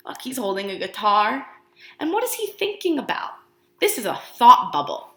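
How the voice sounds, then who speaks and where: With a fairly high voice in an echoey room, a teacher shares a picture book with young children. She reads expressively, poses questions, waits for replies, and keeps her delivery exaggerated and encouraging.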